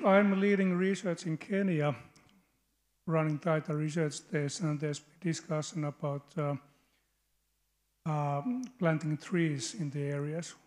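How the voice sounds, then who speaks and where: Finnish-accented male researcher, fairly high voice, unscripted halting comment from the audience. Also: darkish tone. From Finland. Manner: halting, with hesitations. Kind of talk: spontaneous comment from the floor. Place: conference hall.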